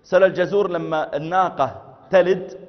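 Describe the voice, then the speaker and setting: A man giving a sermon lecture, telling anecdotes and swinging between loud and soft delivery. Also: high voice, moderate pace. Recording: echoey hall, dull lo-fi sound.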